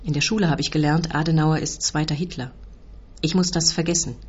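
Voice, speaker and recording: A woman reading a literary story aloud in a dry, measured way. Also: low-pitched, steady tone, darkish tone, breathy edge. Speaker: narrator reading her own story. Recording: dull lo-fi recording.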